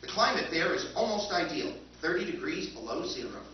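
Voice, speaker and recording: At a convention, a man performs onstage in a live recreation of a 1950s-style science fiction radio play, voicing an unflappable, polite military machine that dotes on supposed soldiers. His voice is a little high, very animated, and fairly quick, yet formal, precise, solemnly earnest, and concerned. The recording is distant and echoey, with the dull noise of the hall.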